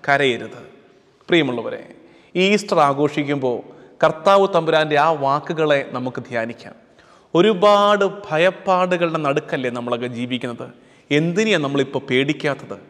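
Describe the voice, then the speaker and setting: A man's voice: on the high side, a bit bright, in a large hall. A man, a priest, gives an earnest Easter sermon, repeating key phrases and asking rhetorical questions.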